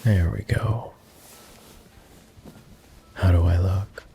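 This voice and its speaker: A man plays a flirty, courtly vampire aristocrat in an intimate roleplay ASMR, speaking in a low, gravelly murmur with an exaggerated, mellow voice. His diction is refined and formal, full of playful teasing and sighs, with a steady tone and drawn-out words. He sounds amused and casual, and there's slight background noise.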